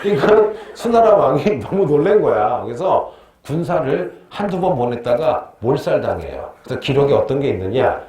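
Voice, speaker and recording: A man's voice: mid-range voice, sing-song, normal speed, hardly any pauses, darkish tone, roomy sound. A middle-aged man teaching a history class, quizzing his students and joking and laughing with them as he lectures.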